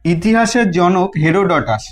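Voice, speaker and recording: A man's voice: high-pitched, expressive, slight background noise. A man with a Bengali accent teaching a history lesson, asking questions and answering them himself, with many repeats and restarts. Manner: halting, restarts phrases.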